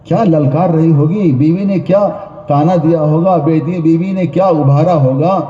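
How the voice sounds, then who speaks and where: A man's voice: fairly high pitch, mellow, a little hiss or hum. A man preaching a sermon to a large gathering, telling stories, acting out the voices he quotes and putting questions to the audience. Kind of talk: religious sermon. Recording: echoey, distant, dull hall recording.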